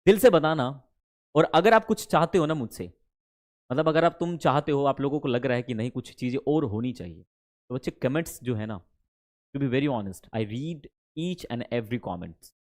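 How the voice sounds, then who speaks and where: This is a man teaching English in an online spoken-English class, his pitch lively. Calling his students kids with affection, he switches between Hindi and English and draws English phrases out at a slow pace.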